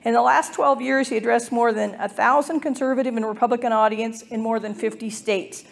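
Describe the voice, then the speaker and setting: A woman's voice: fairly high pitch, fairly even intonation, a little fast, creaky. A woman emceeing a conference, reading out a formal introduction of the next speaker. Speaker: event emcee.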